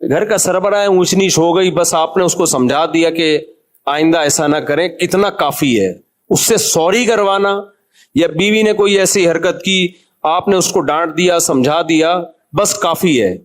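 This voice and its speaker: Cleric with a raised voice. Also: male voice, fairly high pitch. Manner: chatty and joking, addresses listeners directly. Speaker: Islamic cleric giving a talk. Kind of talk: humorous conversational sermon.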